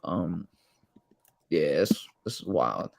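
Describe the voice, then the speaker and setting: A man talking sports in a casual, excitable chat, full of slang and restarts. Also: low-pitched, very slow, vocal fry. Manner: excitable, says "bro" a lot.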